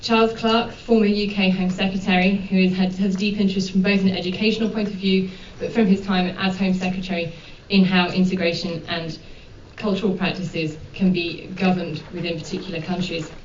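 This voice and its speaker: A woman moderating a panel, giving a formal introduction in a measured way with frequent ums and uhs. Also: fairly low pitch, flat delivery, a little hiss or hum. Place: conference room. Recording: dull, echoey hall from far off.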